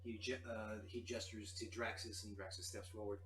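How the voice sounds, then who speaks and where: A man's voice: fairly low pitch, little pitch movement, moderate pace, fairly bright tone. A man working as game master, narrating a tabletop game. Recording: roomy echo, faint noise.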